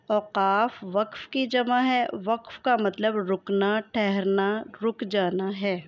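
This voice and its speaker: A woman's voice: mid-range voice, no room sound. A woman teaching Quran recitation, explaining each term patiently and methodically to her viewers.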